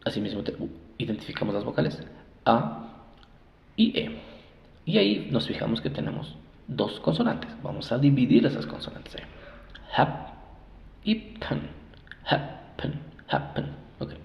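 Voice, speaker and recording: A man teaching English pronunciation, repeating each word slowly several times as a drill. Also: medium pitch, sing-song, creaky. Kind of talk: phonics lesson. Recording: echoey room, dull lo-fi sound.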